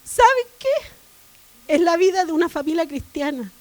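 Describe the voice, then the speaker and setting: A woman preacher delivering a sermon in church, repeating phrases and rising to loud emphatic declarations. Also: extremely high pitch, big pitch swings, a little slow, rough recording.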